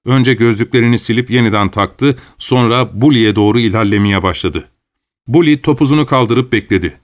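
A man giving a steady, measured scripted narration of a story. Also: mid-range voice.

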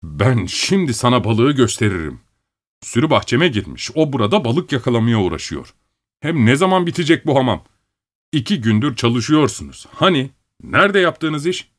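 A man voicing an impatient, bossy middle-aged landowner who shouts and scolds his workers. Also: mid-range voice, brisk, pitched above the performer's own voice, natural voice. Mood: scolding.

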